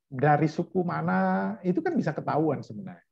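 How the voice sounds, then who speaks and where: A man's voice: on the high side, expressive, brisk, gravelly, darkish tone, slightly rough, no room sound, highs cut off. A man teaching a Bible school class over a video call in a chatty, hesitant way, with many fillers. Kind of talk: online class lecture.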